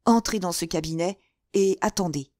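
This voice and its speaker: Woman voicing nervous old cardinal, fretful, pleading, fairly low voice, dry close sound, audiobook. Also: normal speed, darkish tone, no echo, close to an everyday voice. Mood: alarmed. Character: anxious scheming old Italian cardinal, male.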